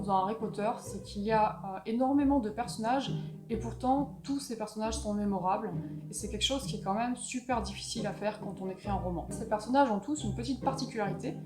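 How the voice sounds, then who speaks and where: A woman with an English accent speaking French, a guest writing coach explaining how stories are built, with enthusiasm. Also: fairly high pitch. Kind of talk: explanatory talk on a video. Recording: roomy echo.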